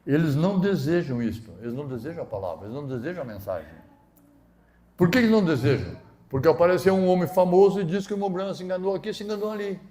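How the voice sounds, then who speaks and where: Fervent pastor, fairly high voice. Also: male voice, expressive, very fast. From southern Brazil. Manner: fervent preaching, swinging between loud emphatic bursts and low asides. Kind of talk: sermon.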